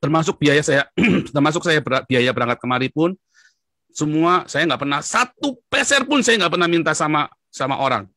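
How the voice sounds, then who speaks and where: A man from Indonesia telling his story in an interview, excitable, his voice jumping up in pitch as he gets worked up. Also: normal speed, dry recording, clean studio sound. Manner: excitable, with sudden jumps in pitch and frequent address to the listener.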